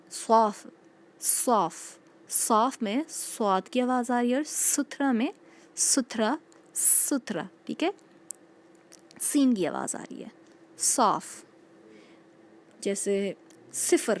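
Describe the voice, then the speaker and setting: A woman teacher giving a patient recorded phonics lesson to young children, repeating each sound slowly and checking in with them often. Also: fairly high pitch. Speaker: school teacher.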